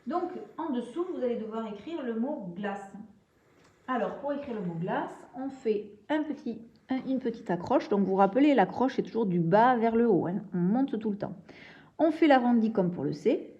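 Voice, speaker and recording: A woman's voice: on the high side, animated, normal speed, warm tone, highs cut off. A young woman teaching a reading and handwriting lesson, patiently walking through sounds step by step. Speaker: primary school teacher.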